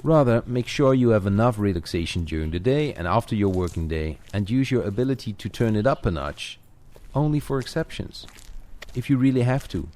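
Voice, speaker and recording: Speaking a little fast, this man has a fairly low, slightly mellow voice with lively intonation as he guides a walking audio lesson, chatting informally and addressing the listener directly. Outdoor noise and clicks run through the recording, over added ambience of walking outside with birds.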